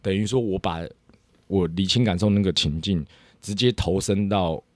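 A man's voice: low-pitched, moderate pace, darkish tone, no room sound. A man in his thirties chatting casually as a podcast host, telling a rambling story and laughing often. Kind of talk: casual chat.

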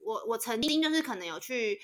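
Woman podcast co-host, casual chat, bright tone, slightly high voice, animated storyteller. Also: brisk. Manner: animated storytelling, acts out quoted dialogue.

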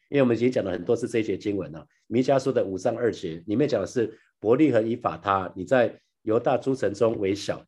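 A man giving a devotional Bible teaching, often repeating his phrases and adding soft tag particles. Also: on the low side, slightly rough. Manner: repeats phrases, ends lines with soft 哈 and 啊 tags; addresses listeners as brothers and sisters. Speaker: pastor sharing a daily devotional.

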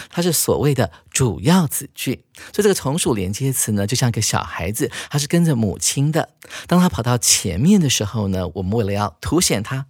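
A man explaining English grammar to students in a chatty, lively teaching manner. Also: medium pitch, slightly rough, no echo, clean studio sound.

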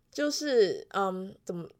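A young woman with a Taiwanese Mandarin accent, a music teacher telling school stories in a casual vlog, animated and laughing often. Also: mid-range voice, fairly quick. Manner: chatty, animated storytelling with frequent laughs and fillers. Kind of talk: casual weekly vlog storytelling.

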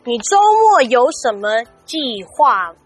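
A woman's voice: on the high side, sing-song, measured pace, soft background music. A woman co-hosting an English lesson in an encouraging style. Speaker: co-host of an English-learning street segment.

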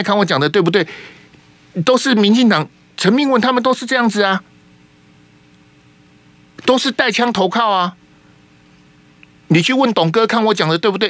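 Taiwanese mandarin guy on talk radio, kinda high voice, super lively, dry studio sound. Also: dry recording. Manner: animated, fires rhetorical questions, emphatic. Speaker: radio talk show host. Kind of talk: political commentary.

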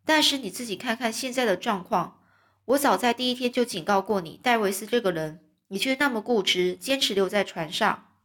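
一位女士演出一个粗鲁强势的男水手，说话直接、爱训人，语调起伏明显，像有声故事书里的人物。. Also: female voice, fairly high pitch, lively intonation, brisk, fairly bright tone. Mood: gruff, scolding. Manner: scolding, blunt. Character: gruff, scheming male sailor, blunt and bossy.

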